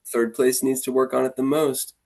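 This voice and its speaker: A man with a husky, slightly rough voice at a middle pitch, telling stories about his students in a relaxed chat. He talks with lively energy and slips into playful voices when he quotes the kids. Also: normal speed. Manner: animated, acts out the kids' voices. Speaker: martial arts instructor. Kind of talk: casual storytelling conversation.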